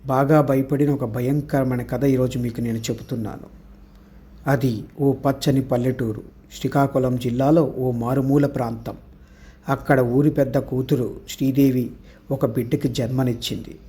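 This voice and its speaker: A man narrating a horror story in a slow, hushed storytelling manner. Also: mid-range voice, level tone.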